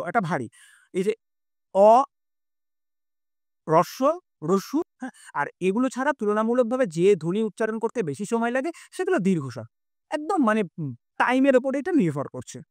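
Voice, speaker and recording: A man's voice: high voice, dry recording, studio quality. A man teaching a live online class, explaining step by step, sounding out vowels and correcting himself as he goes.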